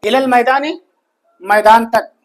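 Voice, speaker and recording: A man teaching a grammar lesson, slowly repeating each phrase and answering his own questions. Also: extremely high pitch. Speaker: Arabic teacher.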